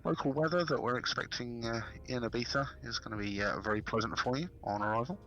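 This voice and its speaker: A man doing a first officer's cabin announcement, sounding like a pilot over the intercom, muffled by a hand cupped around the mic, formal and full of pauses. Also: medium pitch, fairly bright tone, a little hiss or hum. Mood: calm, formal. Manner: measured, formal announcement delivery with many pauses. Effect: muffled pilot-over-the-intercom sound made by cupping a hand around the mic. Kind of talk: playful improvised pilot announcement during a livestream.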